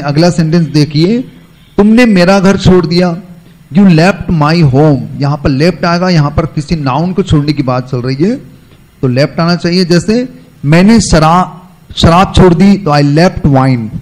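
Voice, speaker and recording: Man teaching a spoken English lesson; a bit high, slow and deliberate on examples. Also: darkish tone, rough recording. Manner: slow, drawn-out English example sentences, quicker Hindi explanations; addresses viewers as friends.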